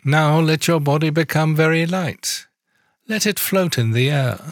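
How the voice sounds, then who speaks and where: A man leading a guided body-awareness meditation, giving calm, soft-spoken instructions with long pauses between phrases. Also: on the high side, no room sound, studio quality.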